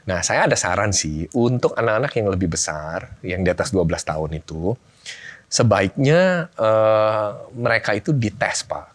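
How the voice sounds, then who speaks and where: A man's voice: lowish voice, normal speed. A middle-aged man, a guest on a family talk show, chatting casually and acting out family conversations as he tells stories. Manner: animated storyteller, acts out family dialogue. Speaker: guest speaker on family life.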